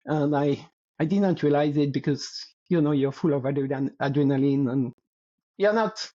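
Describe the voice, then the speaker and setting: Chatting casually as an interview guest, a roughly sixty-year-old French athlete talks with a French accent, his voice dark and mellow though a touch high. He pauses haltingly, gropes for words, and gives light laughs. The audio sounds a bit dull and lo-fi.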